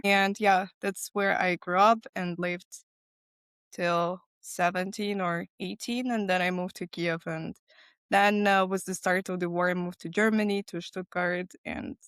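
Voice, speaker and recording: A young woman from Ukraine speaks with a Ukrainian accent, candid and unpolished, often pausing on "like" as she looks for the right English word. Her voice is close and dry, with no room sound. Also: mid-range voice, fairly bright tone, clean tone, no echo. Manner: candid, searching for words, frequent "like". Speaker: guest. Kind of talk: casual interview chat.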